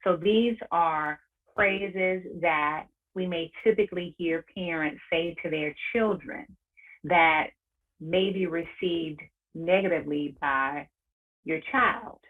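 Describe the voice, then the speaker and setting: A woman coaching parents in an online workshop, speaking in a measured, encouraging way and repeating key phrases. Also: lowish voice. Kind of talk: webinar workshop presentation. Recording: tinny phone-like audio.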